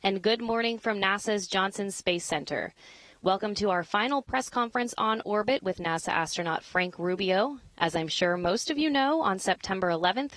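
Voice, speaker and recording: A woman's voice: medium pitch, fairly bright tone, no room sound, rough recording. Dry-sounding American woman moderating a briefing. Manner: polished, official. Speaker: press conference moderator. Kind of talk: scripted briefing announcements. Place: space center briefing room, dry close sound.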